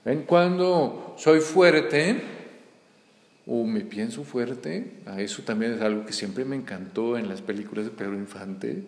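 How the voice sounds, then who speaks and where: A man's voice: on the low side, moderate pace, few pauses, darkish tone. A man preaching a sermon in a conversational way, often asking his listeners if they follow. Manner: conversational, with frequent tag questions. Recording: echoey hall with long reverb.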